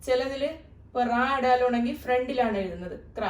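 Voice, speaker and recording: Distant, echoey woman tutor. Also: sits high. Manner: patient, repeats key sounds slowly. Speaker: Arabic tutor. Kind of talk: teaching lesson.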